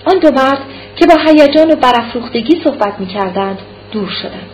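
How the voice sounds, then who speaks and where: A woman narrating a novel as an audiobook, reading in a measured, dramatic way. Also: sits high, lively intonation, darkish tone. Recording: dull old tape, faint hiss.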